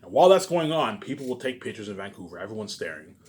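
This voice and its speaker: A man rambles through a casual monologue, repeating himself for emphasis, swearing, and often adding tag questions to seek agreement. He talks fast and very animatedly in a fairly low, slightly mellow voice.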